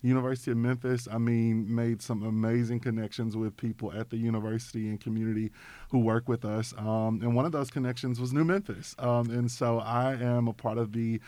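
A man's voice: mid-range voice, little pitch movement, brisk, dark tone, no room sound. A young man with an Arkansas accent talking casually and enthusiastically as an interview guest. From Arkansas, United States. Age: young adult. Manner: enthusiastic, informal. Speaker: interview guest, nonprofit program director.

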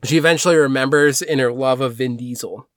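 A man's voice: medium pitch, fairly quick, fairly bright tone, no room sound. Rambling man with dry close sound. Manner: rambling, many fillers and restarts. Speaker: podcast co-host. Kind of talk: casual chat recapping movies.

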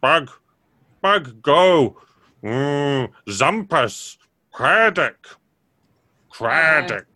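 A man's voice: on the high side, big pitch swings, extremely slow, long pauses, sharp tone, no room sound, exaggerated voice. A man voicing an anxious big mushroom creature in a tabletop game, speaking in simple, broken, repetitive words. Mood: agitated. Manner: simple broken speech, repeating single words.

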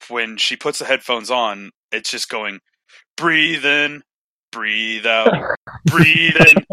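A man tells a drawn-out joke slowly and deliberately, pausing between phrases. His tone is bright and cutting. The recording is dry and close to the mic. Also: on the low side, dry recording, low-quality recording. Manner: slow, deliberate storyteller with pauses. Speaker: podcast co-host. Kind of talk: casual joke-telling chat.

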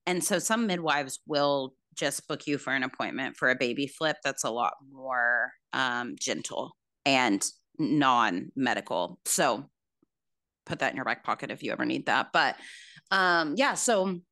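A woman's voice: very deep voice, measured pace, pushed and bright, no room sound, clean studio sound. A woman casually telling a personal story in a chatty way, with lots of fillers. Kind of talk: casual chat.

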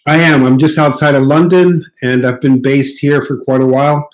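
A man in his sixties from Morocco with a mid-American-sounding accent, a guest in a casual interview at his countryside home, talking in a relaxed, hesitant way with many fillers. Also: medium pitch, normal speed, low-quality recording. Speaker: guest car designer.

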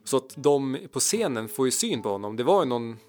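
A man's voice: medium pitch, big pitch swings, a little mellow, faint music behind. A man co-hosting a casual chat, telling a long anecdote and acting out the people in it. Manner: rambling storyteller, acts out quotes. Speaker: podcast co-host, musician.

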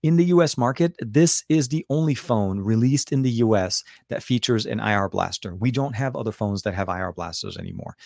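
Middle aged guy doing a casual tech stream, lowish slightly rough tired voice, rambles a bit, dry sound. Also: a little fast, hardly any pauses, darkish tone, no echo. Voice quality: slightly coarse voice. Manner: rambling, repeats and rephrases words. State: voice worn from a night out. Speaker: tech reviewer and livestream host. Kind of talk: casual livestream chat with viewers.

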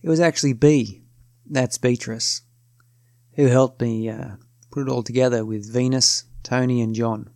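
A man's voice: medium pitch, fairly even intonation, measured pace, darkish tone, dry recording, studio quality. Wry Australian man narrating. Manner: wry, confiding, self-deprecating. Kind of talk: first-person scripted narration.

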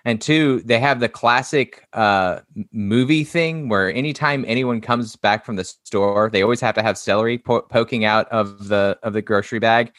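A lowish-voiced man on a podcast, picking over small details with halting "uh" restarts. The sound is close and dry, with no room around it. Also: fairly bright tone, dry recording. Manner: observational, hesitant, many "uh" restarts. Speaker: podcast co-host. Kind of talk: casual chat.

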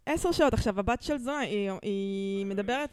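A woman's voice: mid-range voice, darkish tone, clear, resonant tone, no room sound. A young woman, a stand-up comedian, telling stories in a dry, sardonic way during a casual podcast chat.

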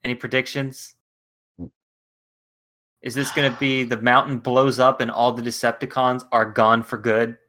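Chatty bright-voiced podcast host. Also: male voice, mid-range voice, flat delivery, moderate pace, long pauses, a little hiss or hum. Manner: chatty, joking, laughing. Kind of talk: casual podcast chat.

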